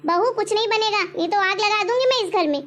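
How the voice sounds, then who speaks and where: Slight background noise sits under a woman's extremely high, somewhat bright voice as she speaks a little fast. In a homemade web drama, she plays a stingy, harsh mother-in-law who scolds and taunts her daughter-in-law and repeats her demands.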